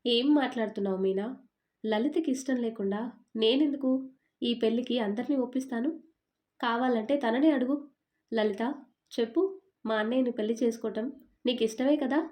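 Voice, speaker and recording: A woman's voice: a little high, normal speed, long pauses, a little mellow, lightly acted. A woman voicing an exasperated, blunt young husband who scolds and teases his wife.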